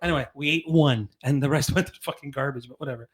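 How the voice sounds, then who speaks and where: A man co-hosting a podcast in casual chat, animated and swearing, repeating himself for emphasis. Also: mid-range voice, fast, breathy edge. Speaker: podcast co-host.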